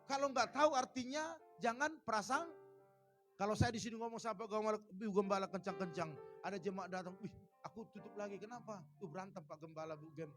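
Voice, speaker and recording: A man with a high voice preaches a church sermon, playful and animated, slipping into little acted-out scenes to make his point. Faint music sits behind him. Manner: lively, joking, acts out little scenes. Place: church service.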